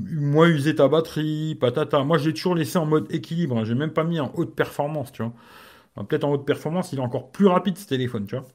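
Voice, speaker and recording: A man's voice: medium pitch, darkish tone. A man hosting a casual live stream as a tech reviewer. He talks in slangy, rambling French and keeps adding "tu vois".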